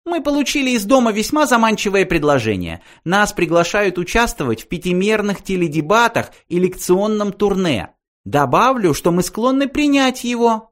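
Male reader doing a high, chatty, fed-up mouse, brisk and lively. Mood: boastful.

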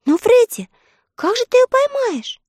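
A woman voicing a gentle little girl who pleads with her brother in a storybook reading. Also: sing-song, measured pace, no echo, heavily acted. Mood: pleading. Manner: high, pleading girlish voice.

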